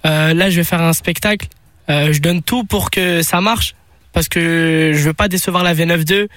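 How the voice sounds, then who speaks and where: A man's voice: on the high side, steady tone, moderate pace, fairly bright tone, no echo, studio quality. A man speaking casually and somewhat hesitantly as a guest on a radio show.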